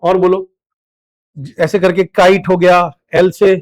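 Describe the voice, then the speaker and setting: Male teacher, high voice, lecture delivery that keeps quizzing the class. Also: level tone, takes it slowly, darkish tone. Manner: drills students with repeated questions, very high-pitched. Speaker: English grammar teacher.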